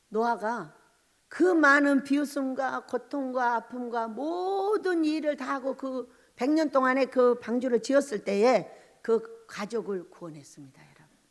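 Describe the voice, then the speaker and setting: A middle-aged woman pastor giving an emphatic sermon full of rhetorical questions, in a mountain church. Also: high-pitched. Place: church sanctuary at a mountain prayer retreat. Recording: long hall reverb.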